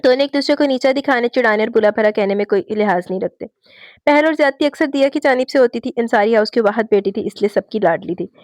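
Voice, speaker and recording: A woman hosting her own channel, reading a romance novel aloud in a lively way and voicing the characters. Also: fairly high pitch, fast talker, dry recording. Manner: lively, raises her voice for quoted dialogue. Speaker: novel reader and channel host.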